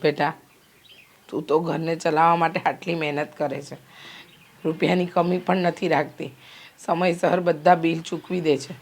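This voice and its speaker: A woman's voice: low-pitched, level tone, normal speed. A middle-aged woman playing a worried mother who scolds and fusses over her daughter in a short film drama. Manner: fretful, nagging, complaining.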